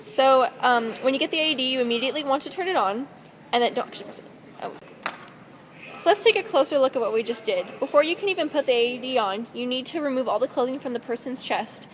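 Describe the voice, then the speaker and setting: A woman's voice: high voice, fast talker, poor audio. A young woman presenting a student first-aid instruction video, reading steadily with a few fillers. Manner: reads steadily with some fillers. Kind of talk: scripted instructional narration.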